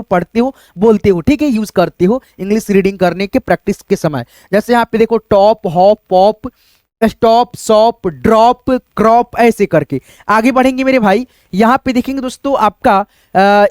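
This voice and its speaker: A man's voice: very high-pitched, darkish tone, no room sound. A man teaching English reading, explaining letter sounds and quizzing his viewers as friends, with lots of repetition. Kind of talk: Hindi-language phonics lesson.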